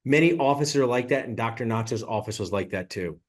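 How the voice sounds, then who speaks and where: Upbeat male host coaching sponsors through intros, mid-pitched, easygoing delivery. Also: expressive, brisk. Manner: enthusiastic, laughs often, coaching. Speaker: host running a sponsor rehearsal.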